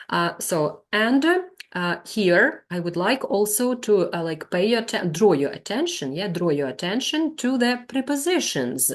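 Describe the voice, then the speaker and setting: Female teacher trainer, Ukrainian accent, lowish voice, unhurried delivery that repeats words for pronunciation. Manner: patient, repeats words slowly to model pronunciation. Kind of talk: online teacher-training lesson.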